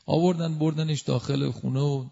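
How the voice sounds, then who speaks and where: A man preaching a devotional sermon through a story, emotive, swinging from loud exclamations to hushed asides. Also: fairly high pitch, fairly even intonation, gravelly, dull audio.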